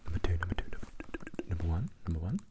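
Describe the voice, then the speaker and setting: A man doing an ASMR role-play as an ASMR performer, repeating instructions and questions as he shifts between soft voice and soft low voice. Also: big pitch swings, racing, very noisy. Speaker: ASMR performer giving mock eye tests.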